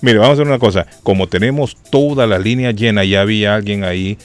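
A man hosting a call-in radio show in a studio, brisk and teasing with his callers. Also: fairly low pitch, faint music behind. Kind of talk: casual call-in radio chat.

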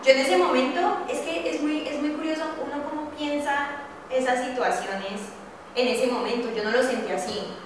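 A young woman tells a lively story in a casual round-table chat and swears offhandedly as she goes. Her voice sits a little high. The room is strongly echoey, with a long reverb tail, and the mic is set some way off. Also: moderate pace, recorded from a distance, background noise. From Colombia. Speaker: podcast host.

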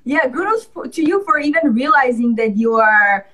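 A woman host asking questions in a warm-hearted, encouraging, chatty way. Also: high voice, animated, normal speed, a loud crowd, low-quality recording. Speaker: podcast host. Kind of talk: casual interview chat.

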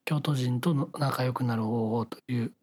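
A man's voice: medium pitch, steady tone, normal speed, darkish tone, slightly rough. A man with a Kyoto accent hosting a podcast in casual, joking chat. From Kyoto, Japan. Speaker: podcast host.

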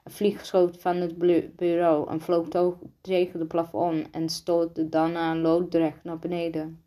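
A woman reading a children's book aloud, halting often and restarting words as she stumbles over the text. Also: fairly low pitch, completely flat delivery, mellow. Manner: halting, frequent restarts and slips. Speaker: reader.

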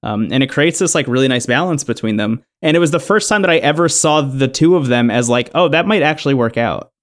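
A man co-hosting a podcast, recapping a reality show episode in a relaxed, rambling way with lots of fillers. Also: mid-range voice, a little fast. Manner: relaxed storytelling, many "like" and "um" fillers. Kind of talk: casual chat.

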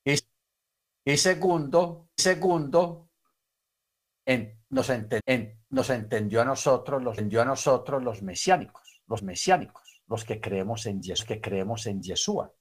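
Male preacher, mid-pitched, storytelling sermon, echoes his own phrases, rises into loud emphatic bursts. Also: expressive, unhurried.

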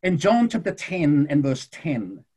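A man preaching a sermon in a husky, slightly raspy voice that sits high for a man. He speaks fervently to his congregation, slowing down and dropping low for dramatic pauses. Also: sing-song, mellow. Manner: addresses the congregation directly.

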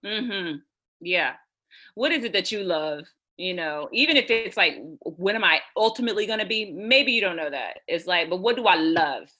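American woman guest, lowish crisp voice, musing and rambling. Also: animated, normal speed, pushed and bright. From Houston, USA. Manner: reflective, rambling with frequent "you know" and "it's like". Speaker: novelist guest. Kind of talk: casual interview chat.

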